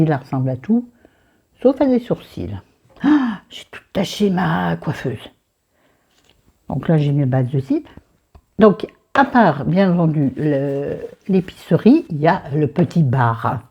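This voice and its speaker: A woman with a low voice and a southern French accent, chatting about a book while doing her makeup at her dressing table at home. She rambles, loses her thread and talks to herself. The sound is a little muffled, like a simple home recording. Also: warm tone, slightly rough. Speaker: book vlogger. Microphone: camera facing her mirror.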